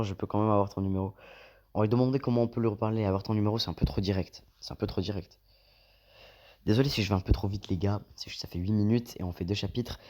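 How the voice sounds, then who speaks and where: A man with a low, mellow voice gives let's play commentary. He reads the game's lines aloud and keeps drifting into long, slangy asides. His delivery is loose and talkative. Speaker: gaming YouTuber.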